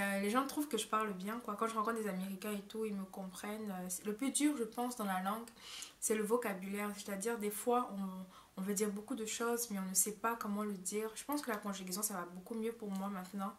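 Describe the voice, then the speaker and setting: A young woman talking to her vlog audience as an au pair, rambling with many hesitations and self-corrections. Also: mid-range voice. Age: young adult. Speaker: au pair vlogger. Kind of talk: casual vlog monologue.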